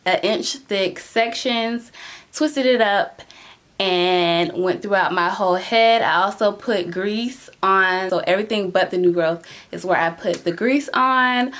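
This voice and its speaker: A young woman vlogging casually about her routine, animated and chatty, with a lisp that makes her s sounds slushy. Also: medium pitch, measured pace. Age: young adult. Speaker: beauty vlogger. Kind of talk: casual chatty hair tutorial vlog. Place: small room at home, indoors.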